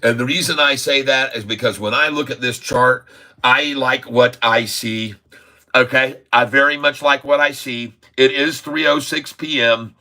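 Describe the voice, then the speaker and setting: A Haitian man in his sixties hosts a casual live stock chat, joking, upbeat and chuckling often between remarks. His mid-range voice holds a steady tone. He speaks a little slowly, and his delivery is pushed and bright.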